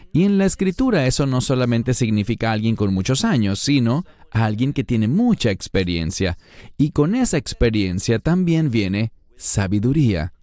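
A man teaching a Bible study lesson, explaining a passage verse by verse, slowing down on key words and putting questions to the listener. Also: mid-range voice, a little mellow, no room sound.

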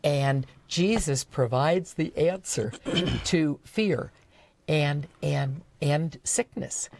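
A woman speaking as a charity leader in a studio interview, earnest and measured. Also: low voice, creaky, a little mellow, slight background noise. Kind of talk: conversational interview about mission work.

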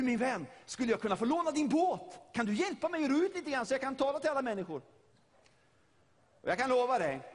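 A man's voice: extremely high pitch, big-room sound. A middle-aged man from Sweden preaching a sermon, retelling a story vividly and often repeating his words.

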